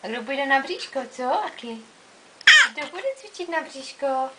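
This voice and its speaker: High, coaxing woman in baby talk. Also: expressive, heavy background noise. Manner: coaxing, sing-song questions. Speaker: caregiver talking to a baby.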